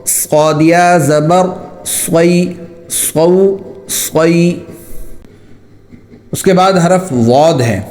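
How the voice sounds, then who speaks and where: A man teaching letter pronunciation, drawing out each drilled syllable slowly between quick spoken explanations. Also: on the high side, a little mellow. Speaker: tajweed teacher. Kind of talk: recitation lesson.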